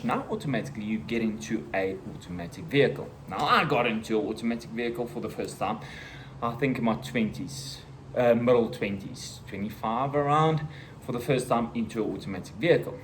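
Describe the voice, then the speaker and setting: A South African man in his thirties telling a personal story in a casual vlog, acting out the voices and the shouting. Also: medium pitch, animated, fairly quick, slight background noise. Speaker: vlogger.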